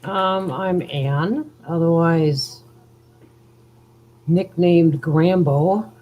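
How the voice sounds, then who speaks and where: A woman guest on a panel who speaks in a slow, unhurried way. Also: lowish voice, muffled recording. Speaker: trial witness guest. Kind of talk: casual panel chat.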